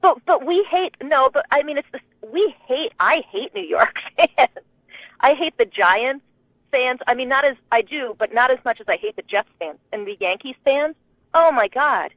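A woman from New England calling a sports radio show, chatting in an animated, laughing way with lots of restarts, on a phone line. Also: high-pitched, normal speed, dry recording. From Connecticut, New England. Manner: chatty, laughing, animated, talks over herself. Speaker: radio caller.

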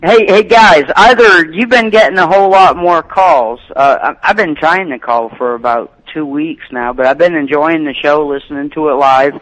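A man's voice: on the high side, moderate pace, hardly any pauses, fairly bright tone. A man calling in to a talk radio show, easygoing and brash, chatting in loose slang. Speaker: caller. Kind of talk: phone-in talk radio chat. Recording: muffled phone line.

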